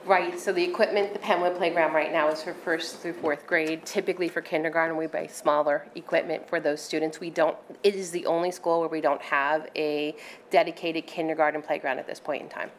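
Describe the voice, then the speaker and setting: A woman's voice: sits low, fairly even intonation, brisk. A woman administrator answering questions at a public meeting in a matter-of-fact, explanatory way. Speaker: school district administrator presenting. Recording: faintly noisy meeting room.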